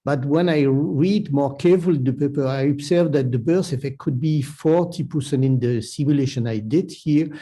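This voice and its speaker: Guy hosting a webinar, very dark mellow voice, lots of restarts. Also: mid-range voice, moderate pace, few pauses. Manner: hesitant, many restarts and fillers. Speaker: webinar moderator. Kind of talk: online webinar introduction.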